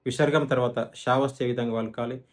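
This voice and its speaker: Male chanting teacher, mid-pitched, methodical, chants example verses slowly. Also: fairly even intonation. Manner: explains step by step, asks questions and answers them himself. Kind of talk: Sanskrit pronunciation lesson.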